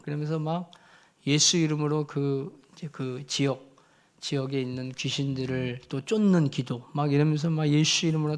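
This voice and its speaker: A fairly high-voiced male missionary preaches in a church, telling his story with lively swings of loudness. He piles on fillers as he speaks, and his tone stays conversational. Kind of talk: storytelling sermon.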